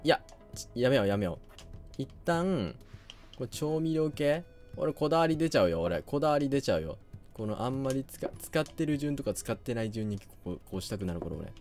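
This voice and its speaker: A young man talks through a game in a chatty, thinking-aloud way, often stopping to hesitate. His pitch swings up and down a great deal. Faint music plays under his voice. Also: sing-song, brisk, darkish tone. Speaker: game commentator. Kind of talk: casual let's play commentary.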